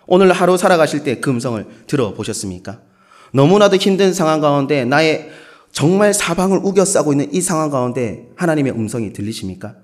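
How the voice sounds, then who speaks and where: A man's voice: a little high, brisk. A male pastor with a Gyeongsang accent, preaching a sermon in a playful way and acting out short quotes. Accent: Gyeongsang Korean. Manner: playful, with lively acted quotes.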